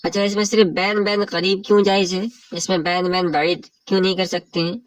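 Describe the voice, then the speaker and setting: A man's voice: high voice, little pitch movement, no echo, rough recording. A man with a Pakistani Urdu accent teaching Arabic morphology in a religious lecture, explaining each rule step by step and glossing a set text.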